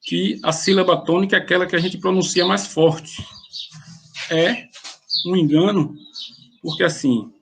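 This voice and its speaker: A man's voice: sits high, fairly even intonation, a little slow, vocal fry, long pauses, a little hiss or hum. A man teaching an online grammar lesson, explaining in a plain way and often restarting his sentences.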